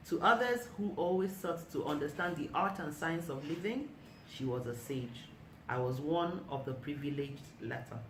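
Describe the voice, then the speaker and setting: A woman author reading aloud from her own book of short stories in a measured, deliberate way. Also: low voice. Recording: echoey room, mic at a distance, noisy.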